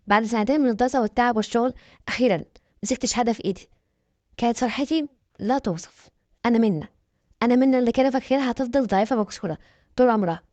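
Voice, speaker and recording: An Egyptian woman tells a dramatic first-person story with emphatic delivery. She speaks fast in a fairly high voice. The sound is dry and a little dull. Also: a little mellow, no room sound.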